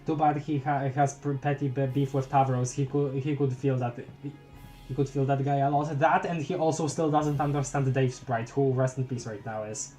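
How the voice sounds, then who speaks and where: A young man live-streaming a webcomic read, rambling, stammering and talking straight to his chat. His voice sits at a mid pitch, and soft music runs underneath. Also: steady tone, moderate pace. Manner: rambling, stammering, chatting with viewers. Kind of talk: live-reading a webcomic aloud.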